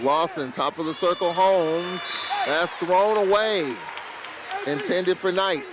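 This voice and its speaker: A man calling college basketball play-by-play, bursting into excited calls on big plays. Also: high-pitched, slow pace. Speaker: play-by-play announcer. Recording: crowd and arena noise behind.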